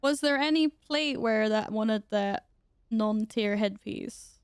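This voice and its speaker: A woman's voice: a little high, takes it slowly, clean tone, no echo, studio quality. A woman live-streaming a game, chatting casually and informally with viewers and teammates, given to exclamations.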